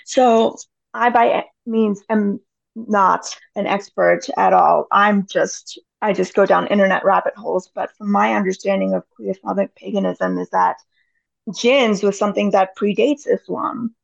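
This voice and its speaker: An American woman in her thirties rambles casually as a podcast guest, using many fillers. Her medium-pitched voice is steady, creaky and a little slow, captured on dull lo-fi audio with no echo.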